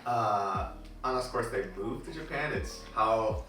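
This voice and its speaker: A man's voice: on the low side, a little slow, pushed and bright, soft background music. A young man co-hosting a casual podcast chat, laughing often, loose and rambling. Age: young adult. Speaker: podcast co-host. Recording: very echoey room, mic far off.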